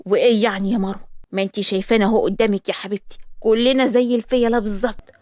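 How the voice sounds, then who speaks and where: A woman voicing a blunt, loud Egyptian aunt in an animated storybook, brusque and exasperated. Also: mid-range voice, rapid-fire, no echo, lightly acted.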